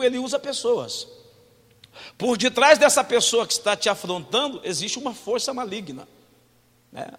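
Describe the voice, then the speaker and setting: High-voiced animated male preacher. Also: big-room sound. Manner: animated preaching, swinging from loud to hushed; talks directly to the congregation with questions. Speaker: pastor. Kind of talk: sermon.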